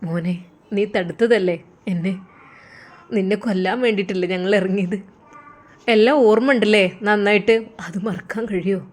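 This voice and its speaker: A woman voicing a remorseful, tearful old man, pleading in a hushed voice as a storyteller. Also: mid-range voice, normal speed, pauses often, natural voice. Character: remorseful old man, weeping, face burned.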